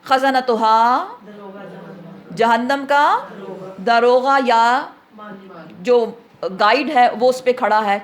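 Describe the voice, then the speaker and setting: Higher-voiced woman teaching a Quran lesson. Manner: asks questions and answers them herself; mixes English words into speech.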